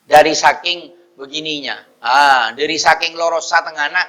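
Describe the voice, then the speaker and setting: A man teaching a mosque study session on prayer, slowly demonstrating recitation and then explaining in quick bursts. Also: on the high side, sharp tone, poor audio. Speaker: religious teacher.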